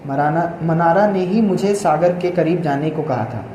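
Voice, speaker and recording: A man voicing a calm, sharp-tongued young woman heroine in a storybook reading. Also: on the high side, unhurried, natural voice. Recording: echoey room with faint noise.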